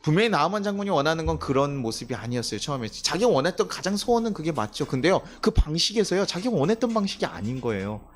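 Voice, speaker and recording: A man's voice: a little high, very animated, quick pace, hardly any pauses, slight background noise. A young male pastor preaching a Sunday sermon, telling stories, asking the congregation questions and acting out the voices he quotes.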